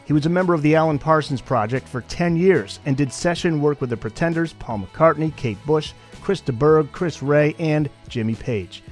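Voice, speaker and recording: A man hosting a podcast, reading a lively scripted intro and then interviewing his guest. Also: fairly high pitch, normal speed, few pauses, soft background music. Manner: upbeat announcer-style delivery. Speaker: podcast host.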